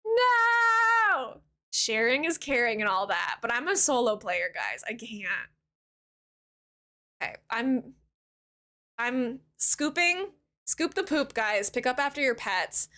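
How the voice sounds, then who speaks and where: A young woman streamer from Canada chats with her live audience while she plays. Her voice is high and bright, and it swings widely in pitch. She sounds giggly and bubbly throughout. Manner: bubbly, giggly, chatty with viewers. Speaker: game streamer. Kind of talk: casual live-stream chat.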